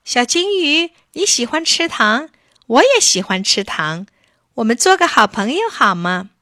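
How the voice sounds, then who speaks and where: A woman's voice: on the high side, sing-song, unhurried, pushed and bright, no echo, studio quality, heavily acted. A woman doing a chirpy little girl. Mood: friendly. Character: playful little girl with a sweet tooth.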